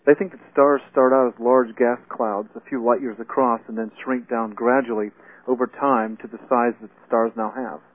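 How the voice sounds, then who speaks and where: A man's voice: medium pitch, steady tone, normal speed. A man speaking as a physics professor, explaining science in an interview. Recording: narrow phone-like radio sound.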